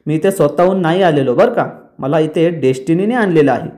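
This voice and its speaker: A man's voice: fairly high pitch, brisk, mellow, close to an everyday voice. A man voicing a playful young husband who teases lightly, in a retold soap scene. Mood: teasing. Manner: teasing, light.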